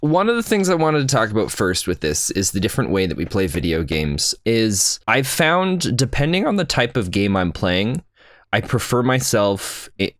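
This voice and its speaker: A man's voice: lowish voice, sing-song, normal speed, fairly bright tone, no echo, studio quality. A young man co-hosting a podcast, chatting casually with lots of fillers and easy laughs. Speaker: podcast co-host. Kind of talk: casual chat. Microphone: podcast microphone.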